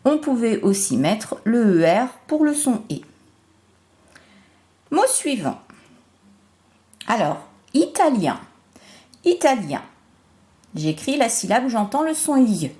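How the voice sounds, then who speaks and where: A woman teacher giving a remote phonics lesson to young children, slowly spelling out syllables and sounds. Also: fairly high pitch, big pitch swings, mellow. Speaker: primary school teacher.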